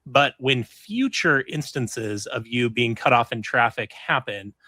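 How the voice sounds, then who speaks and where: A man hosting a podcast with a bright, forward voice, recorded dry and close. He talks in a casual, inquisitive way and puts his guest's ideas into his own words to check that he has them right. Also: medium pitch, unhurried, dry recording. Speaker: podcast host. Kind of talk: casual discussion.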